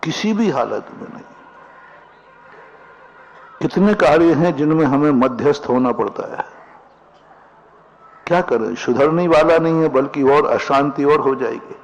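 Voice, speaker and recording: Slow, measured male Jain monk preacher. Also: on the high side, lively intonation, dull audio. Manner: slow, storytelling discourse with acted quotes and folk sayings. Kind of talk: sermon.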